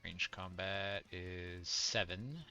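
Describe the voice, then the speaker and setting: A man's voice: low-pitched, fairly even intonation, slow, pushed and bright, faint music behind. A man playing a tabletop game, counting out his dice rolls methodically. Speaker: player. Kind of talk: casual tabletop game play.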